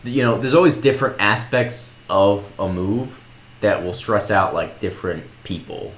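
Young guy rambling on a podcast, lowish voice, echoey room. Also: normal speed. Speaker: podcast co-host. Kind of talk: casual chat. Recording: roomy echo.

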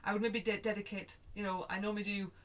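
A woman talks quickly in a medium, fairly flat pitch. She's a guest in a reflective conversation, thinking out loud, restarting sentences and acting out her own thoughts in quoted asides.

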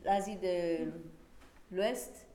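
Woman, soft dark timbre, hesitant discussion speaker who drops in English terms, roomy sound with faint noise. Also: lowish voice, steady tone, extremely slow. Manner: hesitant, searching for words, mixing in English terms. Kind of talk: informal explanation in a group discussion. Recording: echoey room, faint background noise.

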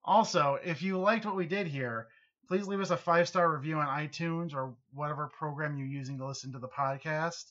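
A man's voice: on the high side, a little fast, fairly bright tone, muffled recording. An American man co-hosting a podcast, chatting casually and comically in a wry, self-deprecating way. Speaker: podcast co-host. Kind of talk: casual comedic podcast chat.

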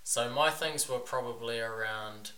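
A man from New Zealand, speaking with that accent, appears as a podcast guest and business owner in a casual, frank, laid-back interview. His voice is mid-range and sharp at a measured pace, and the recording has a distant mic, roomy echo and a faint hiss.

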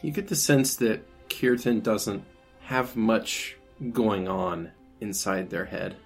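A man's voice: on the low side, slow. A man narrating a tabletop role-playing game as game master. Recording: music playing behind the voice.

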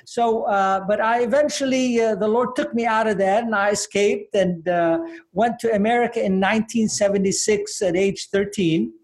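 A man's voice: sits high, normal speed. A man in his fifties, born in Iraq and raised across the Middle East, talking as a podcast guest over a remote line. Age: 50s. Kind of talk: podcast interview.

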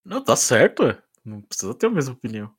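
A man's voice: medium pitch, sing-song, fast talker, slightly rough. A man with a Brazilian accent chatting casually as a podcast co-host in an informal, joking way. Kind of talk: casual chat.

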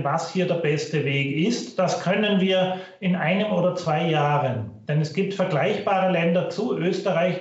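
A man explains as an interviewed expert, measured and careful. His voice sits fairly high. The low-quality online stream sounds dull and very echoey. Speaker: guest expert, finance professor. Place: recorded remotely over online stream.

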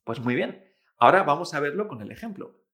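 A male Chinese teacher giving a pronunciation lesson, patiently modelling each sound slowly and repeating it, often tagging "¿eh?" and "¿vale?". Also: a little high, expressive, a bit bright. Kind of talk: language lesson.

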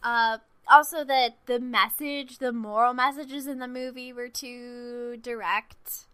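A woman co-hosting a casual film-discussion podcast, gushing and animated as she retells a story. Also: a little high, slow pace, clean tone. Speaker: podcast co-host.

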